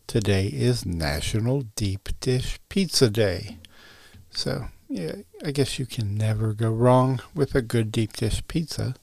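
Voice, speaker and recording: A man's voice: medium pitch, vocal fry, a little mellow, no room sound, studio quality. A man hosting a solo podcast, chatting casually with lots of uhs and restarts. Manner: casual, many fillers and restarts. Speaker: podcast host.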